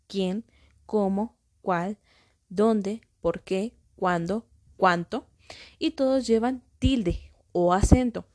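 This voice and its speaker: Casting: woman teacher, warm low-key voice, dry close sound, patient step-by-step explaining. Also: dry recording. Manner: explains step by step with many fillers and restarts. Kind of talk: recorded audio lesson for pupils.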